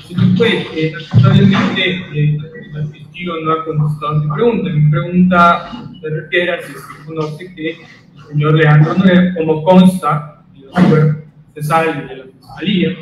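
A man, a defense lawyer, cross-examining a witness in a deliberate way with frequent hesitations. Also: fairly high pitch. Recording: distant, echoey courtroom audio.

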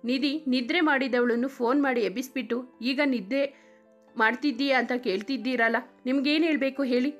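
Lady reading a shy playful young girl, kinda high, soft music under. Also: a little fast, highs cut off, lightly acted. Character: sweet shy devoted young woman.

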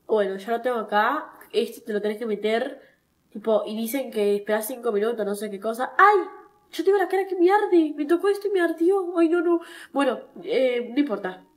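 A young Argentine woman, a TikTok creator, chats casually with her followers in a slightly high, expressive voice at a brisk clip. Stuffy-nosed from a cold, she is talkative and self-mocking in this vlog, whining when something hurts.

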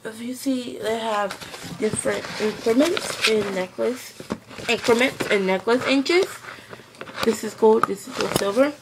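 Young girl vlogging in her room, kinda high voice, lots of ums, noisy camera mic. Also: a little slow. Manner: chatty, rambling with many fillers. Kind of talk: casual show-and-tell vlog. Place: her bedroom. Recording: home video with background noise.

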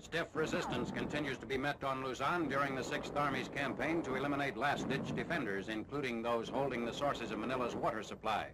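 A man narrating a 1940s wartime newsreel in a brisk, authoritative announcing manner, from an old newsreel soundtrack. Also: mid-range voice. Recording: old newsreel with loud noise.

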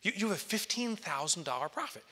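A man in his forties gives a stage keynote, swinging his pitch widely as he tells stories and acts out what people said. His tone is bright and forceful, a little on the high side. A headset mic picks him up in a large hall with a long reverb. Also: fast talker, slightly rough. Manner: lively storyteller, acts out quotes and jumps to excited highs. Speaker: keynote speaker. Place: large conference hall, on stage in front of an audience.

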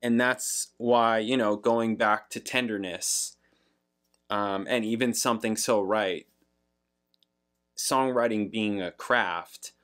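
A man's voice: fairly low pitch, steady tone, slow pace, fairly bright tone. A young adult man hosting a music reaction, chatting casually with lots of fillers and reading lyrics aloud. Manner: rambling, many fillers, laughs, reads lyrics aloud.

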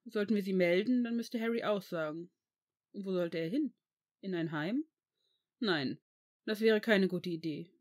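A fan fiction audiobook features a reader performing an elderly male headmaster in a natural voice of medium pitch. The character stays measured and calm at first, then grows stern.

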